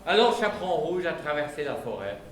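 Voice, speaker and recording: A man performing a live show of folk tales, telling them in a lively, playful way. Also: fairly high pitch, a little fast. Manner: lively, playful, acts out voices. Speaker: storyteller. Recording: echoey live hall, faint noise.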